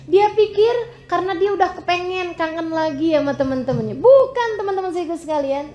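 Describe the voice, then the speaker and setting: Female preacher, high and animated, echoey room. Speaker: Islamic preacher. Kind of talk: sermon to a women's audience.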